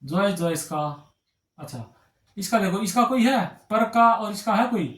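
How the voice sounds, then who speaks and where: At the whiteboard, this man teaches reasoning for exams in a high, expressive, fairly bright voice at a moderate pace. He addresses students as brother and friends, repeats points, and constantly asks "ठीक है ना" in a reverberant room.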